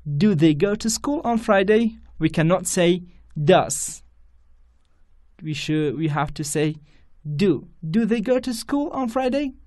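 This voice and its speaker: A man's voice: sits high, expressive, takes it slowly, a little mellow. A man with a Kurdish accent, a native Kurdish speaker, teaching an English grammar lesson to students and repeating each example sentence with care.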